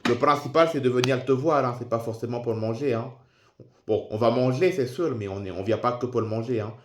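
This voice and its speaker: A man's voice: medium pitch, brisk. A man voicing the characters of his own homemade toy-figure film in a casual, friendly way, often repeating himself. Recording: roomy echo.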